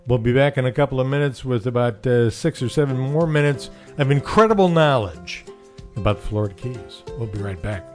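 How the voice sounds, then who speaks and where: Male talk-radio host, mid-pitched and casual, faint music in the background. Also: expressive, brisk.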